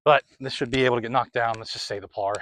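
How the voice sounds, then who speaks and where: Talking fast in a steady, fairly bright mid-range voice, this young man narrates his disc golf round outdoors. He keeps up a chatty running commentary between throws, sounding slightly winded, like a casual play-by-play.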